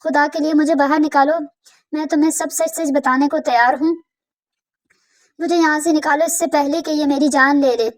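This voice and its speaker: A woman's voice: high-pitched, steady tone, natural voice. A woman voicing a terrified male prisoner who cries and pleads to be let out, in a cartoon story. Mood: panicked, pleading. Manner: pleading, crying out.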